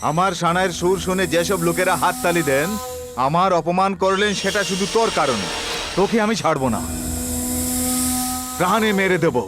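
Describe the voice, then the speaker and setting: A man's voice: sits high, fairly quick, pauses often, close to an everyday voice. A man playing a cruel, spiteful snake charmer in a melodramatic film, menacing and taunting. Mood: spiteful menace. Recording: loud film music, hiss behind voice.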